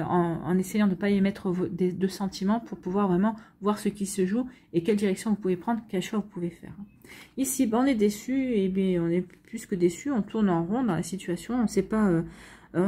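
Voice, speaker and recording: A woman with a dark-toned, mid-range voice reads weekly tarot guidance, addressing viewers straight on in a chatty, uncertain way. As a tarot and astrology reader, she fills her speech with fillers and repeated words.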